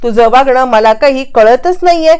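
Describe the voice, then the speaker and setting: A sarcastic young man picking a fight, as a woman narrator reads his lines. The delivery is high and clean, and every line lands as a taunt. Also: moderate pace, darkish tone, clean tone, close to an everyday voice. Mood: irritated, taunting. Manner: taunting, argumentative.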